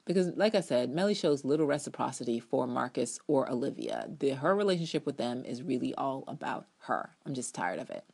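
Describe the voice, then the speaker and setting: An American woman with a low, husky, gravelly and slightly mellow voice performs her own written review as a dramatic reading. She's animated, fairly quick and rarely pauses, sassily leaning into her opinions and tossing in conversational ad libs.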